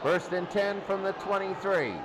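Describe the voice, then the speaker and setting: A man with a high-pitched voice calls an American football game in informal, radio-style play-by-play, thinking aloud at a moderate pace. Behind him, a stadium crowd roars loudly and there's plenty of noise.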